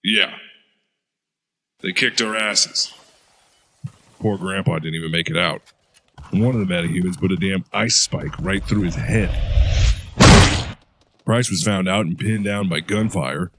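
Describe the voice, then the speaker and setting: Over background noise, a man's low voice moves a little slowly, pausing often. He plays an interrogated war veteran in an audio drama, a hardened soldier who's blunt and profane, gruffly recounting what happened.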